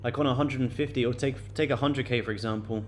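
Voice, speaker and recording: A man in his late twenties, hosting a day-trading livestream, chats loosely with viewers and answers their questions, leaning on lots of fillers and repeated words. His mid-range voice moves fast with fairly even intonation, and there's slight background noise.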